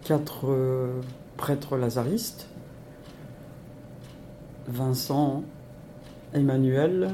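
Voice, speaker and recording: A woman in her sixties from Lorraine, introducing herself as a lay volunteer in a radio interview, speaking hesitantly with many pauses. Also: a bass voice, dark tone, a little hiss or hum. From Lorraine, France.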